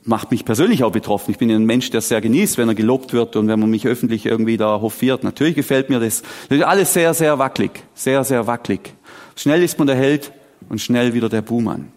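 A man, preaching a sermon with animated, dramatic storytelling and sudden drops to a quiet voice. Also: mid-range voice, fast talker. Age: 40s. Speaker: pastor.

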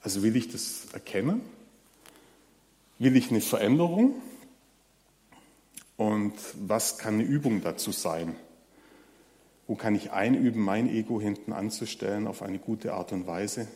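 A man's voice: lowish voice, a little slow, pauses often, dark tone. Man preaching in a reverberant hall. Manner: conversational, addresses the audience directly with many fillers. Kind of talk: sermon.

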